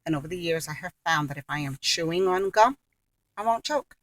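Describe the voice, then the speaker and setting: A woman's voice: on the low side, lively intonation, brisk. Woman vlogger chewing gum, distant mic. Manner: chewing gum while talking. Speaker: vlogger sharing her health journey. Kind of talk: casual personal talk to camera.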